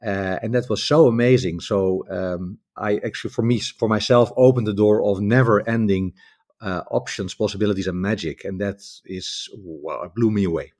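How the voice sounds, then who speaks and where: Over a video call, a guest author from the Netherlands chats casually in English, his delivery rambling and reflective and full of restarts. He's a Dutch man with a lowish, slightly mellow voice, speaking at a moderate pace.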